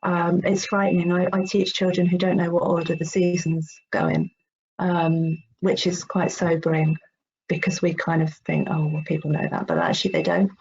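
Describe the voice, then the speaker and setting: A teacher appearing as a guest presenter in an informal online video-call discussion speaks thoughtfully, working out her ideas aloud. Her lowish voice is a little mellow with vocal fry, delivered flatly at a moderate pace. The call sounds dull and noisy, with clicks.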